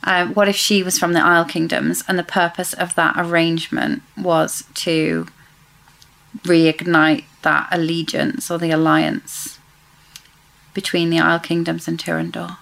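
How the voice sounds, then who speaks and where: A woman's voice: on the low side, little pitch movement, measured pace, gravelly, a bit bright, rough recording. A woman co-hosting a casual book discussion, chatty and speculative, often correcting herself mid-sentence. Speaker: podcast co-host.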